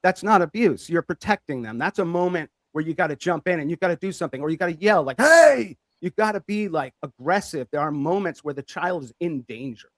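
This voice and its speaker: A man's voice: fairly high pitch, quick pace, few pauses, no echo. Reasoning man on a dry podcast mic. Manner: reasoning aloud, asks "right?". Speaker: podcast co-host. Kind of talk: casual group debate.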